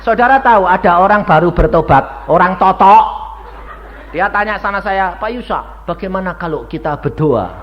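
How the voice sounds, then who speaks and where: A man's voice: high-pitched, normal speed. An older man, telling stories in a sermon and acting out the voices of the people in them. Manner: animated storytelling, acting out dialogue in many voices. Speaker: evangelist preacher. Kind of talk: storytelling sermon. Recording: dull lo-fi archive recording with faint ambience.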